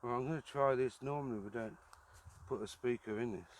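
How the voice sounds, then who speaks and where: A man chatting casually as a paranormal investigator on a live stream out in the woods, a little jittery and quick to exclaim. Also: medium pitch. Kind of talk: casual live ghost-hunt chat. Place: outdoors in woods at night. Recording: faint noise, handheld live stream outdoors.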